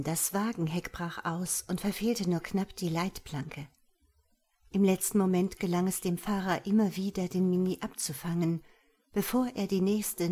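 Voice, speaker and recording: Woman reading a fantasy audiobook, lowish voice, a bit husky, calm and even. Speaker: audiobook reader. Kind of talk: scripted audiobook narration.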